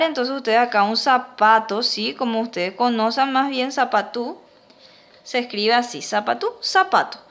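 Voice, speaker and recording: A woman's voice: on the high side, fairly bright tone. A woman teacher with a Paraguayan Spanish accent, patiently dictating words and sounding them out syllable by syllable in a classroom lesson.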